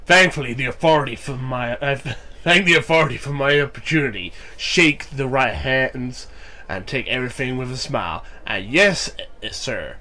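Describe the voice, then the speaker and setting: Casual wrestling-game commentary comes from a young YouTuber who sounds nasal because of a cold. His mid-range voice has lively intonation and normal speed, and he jokes, swears, reads lines aloud and breaks into loud mock cheers.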